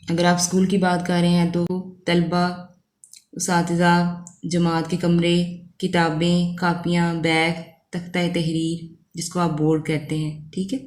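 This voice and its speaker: A woman's voice: lowish voice, monotone, a little slow, darkish tone, echoey room. A woman teacher with a Pakistani accent, patiently explaining a lesson step by step and often checking in with her students. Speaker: Urdu teacher.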